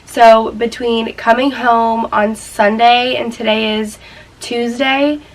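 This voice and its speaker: A woman's voice: a little high, level tone, slow pace, recorded from a distance, rough recording. A young woman vlogging a casual beauty unboxing from her bedroom floor, a bit stuffy from a cold, chatty and bubbly, laughing often.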